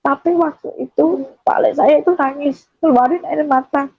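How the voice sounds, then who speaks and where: A woman's voice: high voice, fairly even intonation, moderate pace, dry recording. A woman from Java giving an earnest personal testimony, often quoting herself as she tells the story. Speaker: testimony giver. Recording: dull, dry recording.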